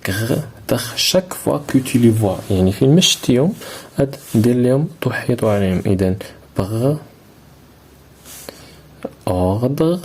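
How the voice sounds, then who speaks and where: A man teaching a primary school lesson. He speaks slowly and deliberately, repeating each word and breaking it into syllables. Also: medium pitch, animated, darkish tone, breathy edge. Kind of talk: slow classroom lesson.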